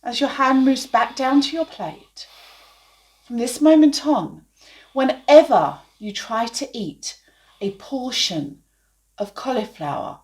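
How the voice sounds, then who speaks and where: A woman teaching hypnotherapy, explaining and then demonstrating dramatic aversive suggestions in a hypnotic voice. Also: a little high.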